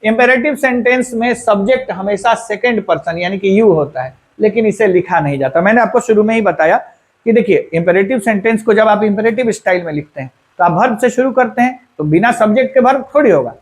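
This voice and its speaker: A man teaching English grammar as a teacher in a lesson. He explains step by step, asks and answers his own questions, and says example sentences slowly. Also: sits high. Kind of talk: classroom-style grammar lesson.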